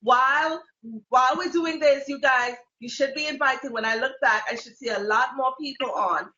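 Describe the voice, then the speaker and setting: A woman's voice: sits high, normal speed, sharp tone. A woman hosting a casual talk show, teasing her guests and laughing often. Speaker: host. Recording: lo-fi, roomy sound.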